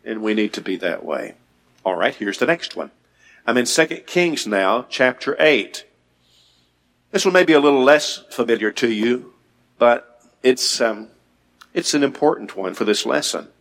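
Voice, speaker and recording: A man preaching a Bible lesson, reading scripture aloud and getting louder and higher when he stresses a point. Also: animated, moderate pace, pauses often. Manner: reads scripture aloud, rises in pitch and volume for emphasis.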